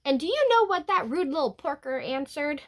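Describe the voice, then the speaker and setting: A woman's voice: high-pitched, sing-song, moderate pace, fairly bright tone, pitched above the performer's own voice. A woman voicing a sly, self-excusing male wolf telling his storybook tale with dramatic, mock-innocent pleading. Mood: dramatic, self-justifying.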